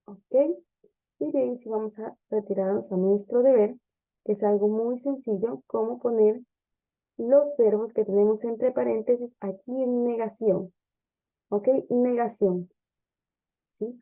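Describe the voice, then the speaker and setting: A woman teacher explaining English grammar step by step, often checking understanding with a quick "ok?" or "¿sí?". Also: on the high side. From Ecuador. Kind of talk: classroom grammar lesson. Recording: dull lo-fi lesson recording.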